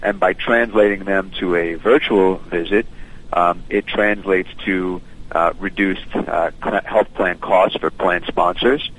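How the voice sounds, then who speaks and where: A man's voice: sits low, steady tone, unhurried, a bit bright, low-quality recording. A man heard over a landline phone, a company founder giving a radio interview in a fluent, businesslike way with frequent fillers. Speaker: company founder and CEO, guest. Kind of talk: radio interview guest explaining his service.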